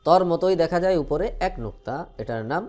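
A man teaching Quran reading, explaining letter sounds patiently and slowly stretching out each letter as a drill. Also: fairly high pitch, lively intonation, darkish tone. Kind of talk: recorded lesson on letter pronunciation.

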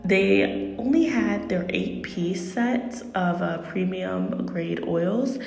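Woman, effusive casual vlogger, fry-edged delivery, reverberant bathroom recording with music underneath. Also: mid-range voice, slow, darkish tone. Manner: chatty, effusive, self-interrupting. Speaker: video host and painter. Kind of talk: casual chatty product review voice-over. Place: small echoing bathroom, indoors. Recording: echoing bathroom, music behind. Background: background music.

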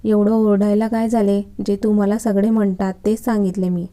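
A woman's voice: medium pitch, flat delivery, fairly quick, mellow, close to an everyday voice. A woman reading as a cheeky young student. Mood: teasing. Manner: teasing, talking back.

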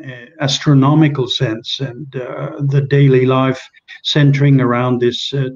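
An older Kenyan man whose first language is Czech is a guest on a video call interview, often trailing off into hesitations and restarts. Picked up by a webcam in a small room at home, his mid-range, slightly mellow voice sounds lo-fi.

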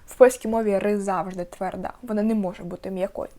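A young woman teaching a beginners' language lesson, repeating example words slowly and clearly for learners. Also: mid-range voice, steady tone, dark tone.

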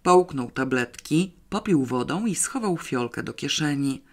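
A reader narrating a comic novel aloud, with a lively, dry comic delivery. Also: mid-range voice, unhurried. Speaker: audiobook reader. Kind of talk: scripted narration.

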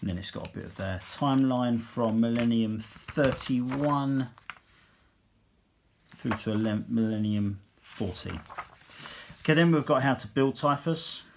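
A man's voice: mid-range voice, unhurried, vocal fry, pauses often, a little hiss or hum. A man casually reviewing a hobby magazine, reading passages aloud and adding dry asides. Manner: chatty, dry asides, reads text then comments.

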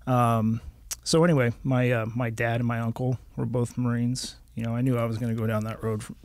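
A man in his thirties from Southern California speaks as a podcast guest, relaxed and plain-spoken at a mid pitch. He talks into a boom mic in a small studio, and the sound is dry and close. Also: fairly quick, dry recording. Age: 30s. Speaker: guest, police officer. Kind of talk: casual interview chat. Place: small studio with curtained walls. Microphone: studio mic on boom arm, headphones.

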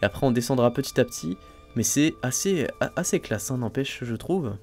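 A man casually talking through his own gameplay, thinking aloud and filling pauses with little fillers. He gets excitable over each new discovery. Faint game music plays softly behind him. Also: mid-range voice. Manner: chatty, thinks aloud, frequent "hein" and "euh" fillers. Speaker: let's play host.

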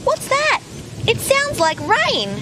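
Chats, a squeaky cheeky puppet critter. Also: female voice, big pitch swings, takes it slowly, heavy background noise, full character voice. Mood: fretful. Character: cheeky little female puppet creature, sneezy. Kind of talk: children's TV puppet acting.

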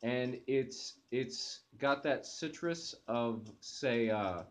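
A young man drags out his words in a medium-pitched voice while casually reviewing coffee for his channel from the living room sofa. He talks keenly to camera with fillers and hesitant restarts, captured by a nearby webcam.

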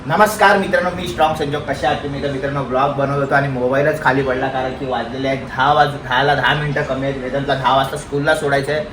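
A man's voice: medium pitch, steady tone, quick pace, hardly any pauses, noisy background. Chatty man vlogging on a phone. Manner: chatty, addresses viewers directly. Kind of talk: casual family vlog chat.

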